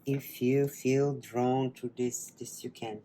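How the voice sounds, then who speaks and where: A woman from Bulgaria with a Bulgarian accent, a wellness teacher leading a guided breathing meditation and then a cooking demo, speaking softly and often trailing into whispers. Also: very deep voice, steady tone, slight background noise. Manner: slow, soft-spoken, drifting into whispers.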